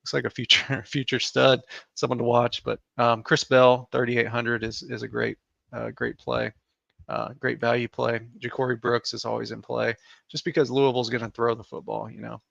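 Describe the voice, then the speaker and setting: A man with a heavily gravelly, creaky voice talks through sports picks in a flat, even delivery. He hesitates often and leans on fillers. The sound is dry and slightly dull. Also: mid-range voice, normal speed, dry recording. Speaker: DFS analyst co-host. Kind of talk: casual podcast chat.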